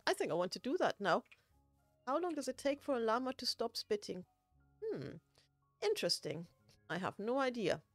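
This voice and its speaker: A woman's voice: fairly high pitch, big pitch swings, moderate pace, pauses often, no room sound, soft background music. A woman streaming a building game, chatting casually, laughing often and poking fun at herself. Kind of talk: casual gameplay chat.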